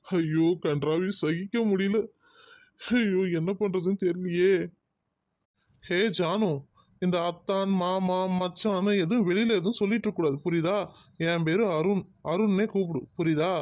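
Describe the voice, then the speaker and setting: A man's voice: sits high, steady tone, normal speed, no echo, muffled recording, natural voice. A man voicing a grumbling exasperated young guy. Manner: grumbling, sighing.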